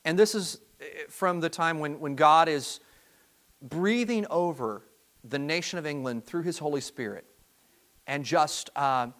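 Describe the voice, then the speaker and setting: A pastor giving a sermon to his congregation, earnest and halting, often repeating words as he restarts his sentences. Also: a little high, fairly bright tone.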